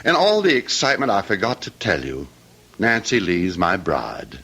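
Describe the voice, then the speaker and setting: A sly, swooping, deep Southern villain. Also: male voice, huge pitch swings, normal speed, creaky, a bit bright, a little hiss or hum, heavily acted. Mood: mockingly polite. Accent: American Southern. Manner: taunting, drawling mock courtesy. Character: sly, cruel Southern gentleman villain, mockingly polite. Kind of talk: radio drama acting.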